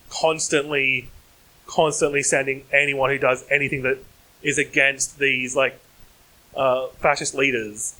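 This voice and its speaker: Young comic writer, tense bright tone, lots of likes and ums. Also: male voice, medium pitch, low-quality recording. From Australia. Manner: fast, run-on, heavy fillers. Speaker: comedy writer on panel. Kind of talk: panel discussion. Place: conference stage.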